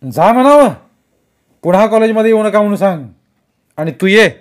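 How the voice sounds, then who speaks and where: A man reading a story aloud, voicing a loud, impatient man who barks orders over the phone. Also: sits high, lively intonation, a little slow, pitched above the performer's own voice. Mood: shouting. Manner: loud, commanding, shouting. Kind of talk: audiobook character reading.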